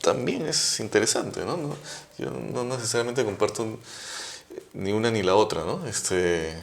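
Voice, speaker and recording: A man speaks as a guest in a casual interview, his voice sitting fairly low. He thinks aloud, restarts phrases and keeps checking in with little tag questions. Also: a little slow, creaky. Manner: thoughtful, hedging, many restarts and tag questions. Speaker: guest guitarist.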